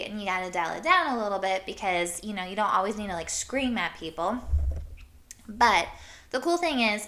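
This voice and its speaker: A woman from Iowa hosting her podcast, telling stories in a hyper, animated way with casual swearing. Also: mid-range voice. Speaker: podcast host. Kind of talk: casual storytelling monologue.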